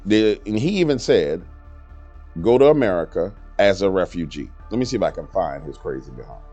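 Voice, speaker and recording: A man delivers blunt, emphatic commentary in a very low, dark voice. The recording sounds slightly dull, with faint music underneath. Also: lively intonation, a little fast, husky. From New Orleans, Louisiana. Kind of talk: casual commentary.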